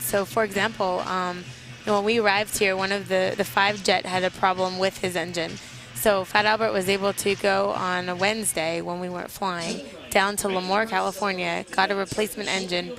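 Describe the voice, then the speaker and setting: A woman from a military flight team, appearing as an interview guest, gives informal live commentary at an air show. Her voice is mid-range and a bit bright, but the audio quality is poor.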